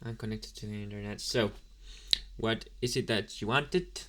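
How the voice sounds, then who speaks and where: Speaking in a lowish, natural voice, a man takes the role of an inexperienced, sleepy young demon for an ASMR roleplay. He talks to the listener in a casual, bargaining way, with halting, deadpan and slightly snarky asides.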